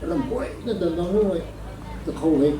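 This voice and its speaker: A man preaching a sermon at a prayer meeting, measured and slow, with English words slipped in. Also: sits high, expressive, background noise. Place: prayer gathering hall. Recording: echoey hall, voice from a distance.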